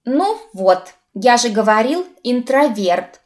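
A woman's voice: fairly high pitch, animated, moderate pace, a little mellow, pitched above the performer's own voice, lightly acted. A woman voicing a wry, philosophical young man who teases his friend in a mock-wise way. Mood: teasing.

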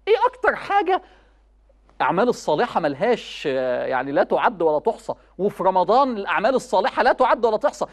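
A woman's voice: medium pitch, animated, very fast. A young woman with an Egyptian accent giving an impassioned religious talk, pleading with young people in the audience. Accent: Egyptian Arabic. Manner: impassioned, pleading, addresses the youth directly. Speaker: preacher.

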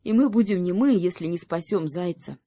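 A woman's voice: on the low side, fairly quick, dark tone, dry recording, clean studio sound, close to an everyday voice. A woman voicing a young male beaver, a loyal friend who speaks in a pleading, heartfelt way, in a storybook reading. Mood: tender, pleading.

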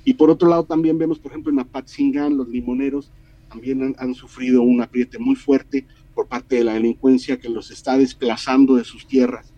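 A man's voice: mid-range voice, steady tone, a little fast, warm tone, no room sound, dull audio. A middle-aged man from Mexico giving earnest weekly political commentary in a radio interview, often repeating words as he builds his point.

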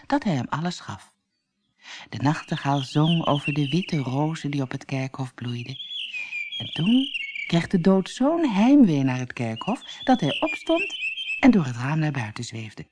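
A woman reading a fairy tale aloud as a storybook narrator, clear and expressive. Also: low-pitched, unhurried, noisy background. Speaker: audiobook reader. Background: soft music.

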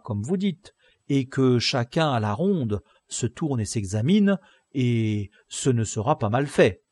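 A man's voice: mid-range voice, darkish tone, no room sound. A man voicing a proud, sly male convict who answers in a glib, mock-polite way. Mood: sardonic.

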